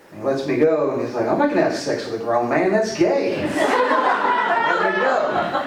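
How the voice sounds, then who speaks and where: A man in his late twenties from Arizona doing a stand-up comedy set, rambling loosely with lots of filler words. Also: on the high side. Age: 20s. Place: comedy club stage. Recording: echoey room, voice from far off, audible room noise.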